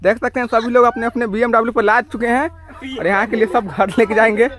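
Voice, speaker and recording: A man's voice: very high voice, fairly even intonation, quick pace, fairly bright tone. A young man casually narrating an outdoor vlog, chatty and teasing, filming on a handheld phone. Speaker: vlogger. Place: outdoors at a riverbank village site.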